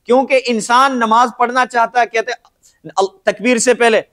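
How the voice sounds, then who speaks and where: A man's voice: very high-pitched, fairly even intonation, fairly bright tone. A man teaching a lesson on Islamic jurisprudence, who poses rhetorical questions, answers them himself, and keeps checking that his students have understood. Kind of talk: classroom lecture on Islamic jurisprudence.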